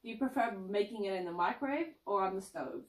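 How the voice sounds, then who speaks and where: A young woman in her 20s serves as announcer and interviewer, chatting casually from a couch on an indoor lounge set. Her medium-pitched voice is lively and quick, bubbly with frequent ums and restarts. A far-off camera mic captures a roomy, echoey sound.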